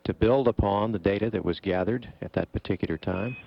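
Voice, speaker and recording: Mission commentator, male, low gravelly voice, measured and formal, slightly dull feed. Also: slight background noise. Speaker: mission operations public affairs commentator. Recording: dull, muffled broadcast feed.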